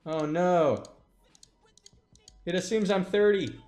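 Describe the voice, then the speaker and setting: A man in his late twenties streams from his desk in a small room, casually thinking out loud, joking and swearing. His voice is high, slow and a little mellow, typical of relaxed live-stream commentary.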